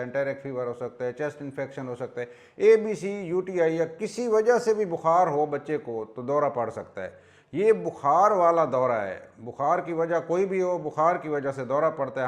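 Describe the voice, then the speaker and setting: Man, pediatrician, slightly high voice, calm measured explanation, lists points one by one. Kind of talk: explanatory health talk.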